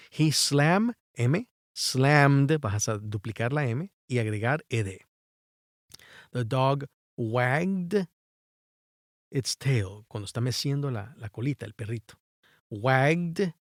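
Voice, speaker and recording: A man's voice: medium pitch, no room sound, clean studio sound. A man with Spanish as his first language, teaching English grammar in a bilingual lesson, patiently spelling out letters and repeating each rule.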